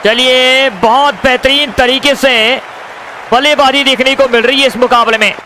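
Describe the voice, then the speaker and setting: A man delivers excited cricket commentary in a very high, forceful voice. He keeps addressing his audience as friends and circles back to stock phrases. A crowd and some noise sit behind him. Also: normal speed, poor audio.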